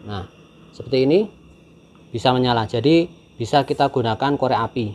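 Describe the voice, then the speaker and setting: A man calmly and patiently explaining, step by step, how to use a camping stove, recorded indoors with a camera mic above the table. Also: mid-range voice, brisk. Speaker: channel host demonstrating a camping stove. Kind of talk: casual how-to demonstration.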